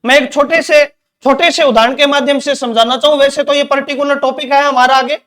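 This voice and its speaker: A man's voice: extremely high pitch, steady tone, brisk, fairly bright tone. A man teaching Hindi grammar in an exam-prep lecture, repeating points and quizzing with rhetorical questions.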